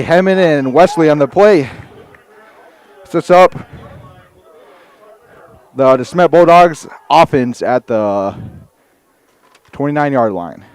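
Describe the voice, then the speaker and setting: Breathless high school football announcer. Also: male voice, clean tone. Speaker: play-by-play announcer.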